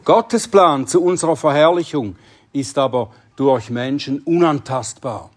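A man preaching a sermon in an earnest, emphatic way, often dropping to a hushed tone to stress a point. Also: medium pitch, measured pace. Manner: earnest, emphatic delivery with dramatic drops to a hush.

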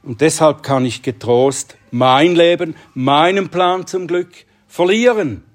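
A male preacher with a fairly high voice delivers a sermon at an unhurried, deliberate pace. He speaks earnestly and with emphasis, sinking to a near hush on key words.

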